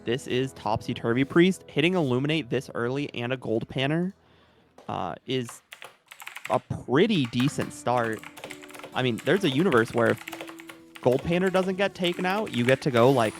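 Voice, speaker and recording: A man co-casting a live card-game tournament, talking through plays in a measured, analytical way. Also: mid-range voice, animated. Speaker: co-caster. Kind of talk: live esports commentary. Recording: game music in the background.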